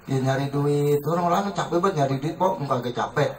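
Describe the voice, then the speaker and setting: A man's voice: on the high side, fast. A man with a Betawi accent preaching a humorous sermon at a family celebration, telling jokes and acting out bits of dialogue. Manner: joking storytelling, acts out quoted dialogue. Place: community gathering, crowd around. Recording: echoey, distant mic, loud crowd.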